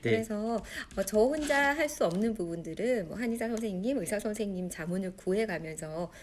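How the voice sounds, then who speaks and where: A woman's voice: medium pitch, animated, fairly quick, a crowd in the background. A woman in her forties, an author answering interview questions with a storytelling manner. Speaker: author guest.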